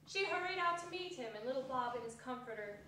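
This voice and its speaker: In a very echoey hall, a woman narrates a classic tale from some distance. Her voice is high, bright and projected, with faint noise around it. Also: lively intonation, fast. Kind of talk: scripted dramatic narration, stage reading.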